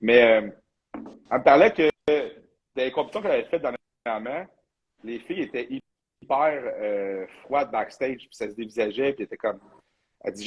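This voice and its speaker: Husky Quebec man hosting casual chat. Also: medium pitch, muffled recording. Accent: Quebec French. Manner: loose and talkative, sprinkles in English slang. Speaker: bodybuilding coach and host.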